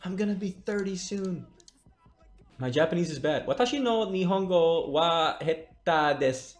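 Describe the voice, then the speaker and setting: Man, late twenties, live streamer, casual, profane, slightly high voice, very lively pitch. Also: normal speed. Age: late 20s. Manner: profane, joking, thinks aloud. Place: small room at a desk.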